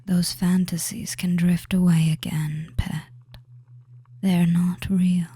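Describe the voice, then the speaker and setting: A performer plays a possessive, doting witch in a hypnosis audio roleplay. She speaks in a soft, breathy, low and mellow whisper, moving very slowly with deliberate pauses. The effect is lulling, soothing and controlling.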